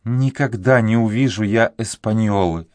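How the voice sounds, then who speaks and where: A man's voice: lowish voice, normal speed, dry recording, pitched above the performer's own voice, lightly acted. A man voicing a sorrowful sixteen-year-old girl in love, speaking in a sad, pleading way. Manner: sad, pleading, soft-spoken.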